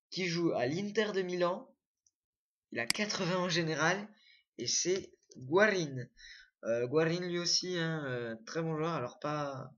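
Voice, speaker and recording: A man's voice: on the high side, a bit bright, muffled recording. A young man casually commenting on his own screen recording, full of fillers and self-corrections. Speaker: gaming video creator.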